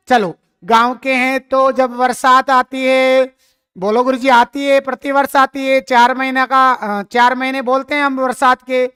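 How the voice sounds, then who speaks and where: A man's voice: very high voice, sharp tone, smooth. A man teaching a lesson, who stretches his vowels and asks and answers his own questions. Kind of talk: classroom lecture.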